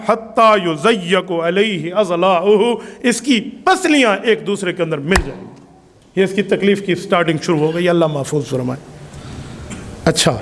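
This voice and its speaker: A high-pitched male preacher with a Pakistani Urdu accent delivers a sermon in a reverberant hall. He recites Arabic passages, then explains them with rising, emphatic force. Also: a bit bright. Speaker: Islamic preacher. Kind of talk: religious sermon.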